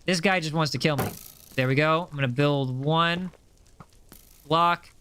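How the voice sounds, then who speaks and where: This time the young American streamer sounds a little high and unhurried, with a sharp tone and slight background noise. Using a general American accent, he chats upbeat and casually as he plays a game and reads chat aloud on his livestream.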